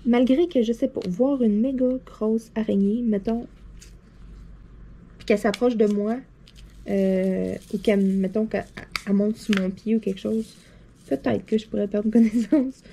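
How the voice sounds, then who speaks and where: A woman with a Québécois French accent, seated at her desk, telling anecdotes to her viewers in a chatty, animated way, full of fillers and laughter. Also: mid-range voice, moderate pace, a little hiss or hum. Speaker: vlogger. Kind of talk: casual anecdote storytelling to viewers.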